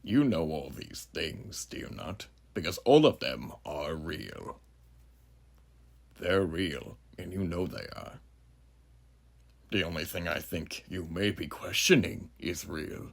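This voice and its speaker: A man playing a huge, ageless, sinister judge who muses grandly and theatrically in a horror monologue, with a gravelly, breathy voice and rhetorical questions to the listener. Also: low voice, animated, slow, full character voice. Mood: knowing, unsettling. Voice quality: gravelly, husky, breathy at phrase ends. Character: huge ageless sinister philosophizing judge, menacing male drifter.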